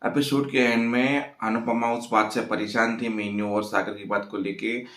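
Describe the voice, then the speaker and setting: A man's voice: fairly low pitch, fairly even intonation, moderate pace, a bit bright, reverberant. A man casually recapping a TV serial episode, telling the story and briefly acting out the characters' lines.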